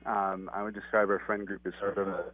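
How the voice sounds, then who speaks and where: A man's voice: on the low side, flat delivery, fairly quick, no room sound. Man on a clipped, tinny phone line. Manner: earnest, rambling, many restarts and fillers. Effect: clipped phone line that cuts out. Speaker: interview guest calling in. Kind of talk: casual phone interview. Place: outside his office.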